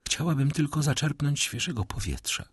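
A man's voice: mid-range voice, animated, moderate pace, no room sound, studio quality, voice pushed up, close to an everyday voice. A man voicing a fainting middle-aged noblewoman who speaks faintly and with strain. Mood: frightened. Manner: faint, strained, breathless delivery.

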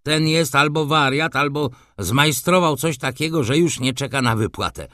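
A man's voice: on the high side, normal speed, pushed and bright, dry recording, clean studio sound, voice pushed up. A man voicing an indignant, gossiping middle-aged councillor in an audiobook, ranting with scandalized outrage.

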